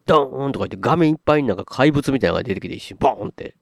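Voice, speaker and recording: A man with a Kansai accent, chatting on a podcast as a co-host and telling stories in an animated way, acting out his own surprised reactions. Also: medium pitch, rapid-fire, vocal fry, dry recording, clean studio sound. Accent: Kansai Japanese. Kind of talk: casual podcast chat.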